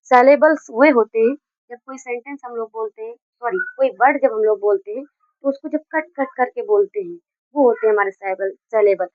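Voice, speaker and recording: A woman teaching English grammar in Hindi, explaining step by step and dictating example sentences slowly word by word. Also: fairly high pitch, no echo. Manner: explains step by step with many restarts. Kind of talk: Hindi video lesson on grammar. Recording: dull, dry lo-fi recording.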